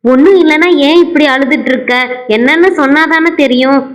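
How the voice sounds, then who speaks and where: A woman voicing a kind but firm schoolteacher doll who gently scolds and instructs her pupils. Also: high voice, brisk, natural voice.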